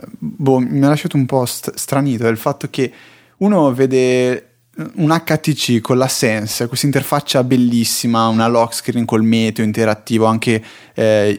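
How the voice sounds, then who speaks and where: A man hosting a laid-back tech podcast in an ordinary mid-range voice. He asks his guest questions and muses aloud, dropping casual fillers as he goes. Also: mid-range voice.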